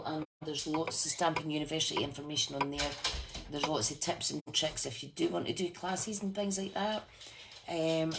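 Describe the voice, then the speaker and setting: A woman from the west of Scotland with a Fife accent, chatting casually and informally to viewers as a craft demonstrator and team leader. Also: low voice. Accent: Fife, Scottish. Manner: chatty, informal, addresses listeners as guys. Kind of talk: casual live chat to viewers. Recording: clearly noisy room recording.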